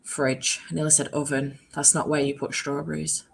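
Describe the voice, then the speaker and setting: A British woman with a low voice chats casually over faint background noise. She sounds poorly and run-down with a cold, and talks in a sweary, self-deprecating way. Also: flat delivery, normal speed, creaky. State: feeling ill and run-down, with a cold. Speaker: guest on a readathon livestream. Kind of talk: casual chat.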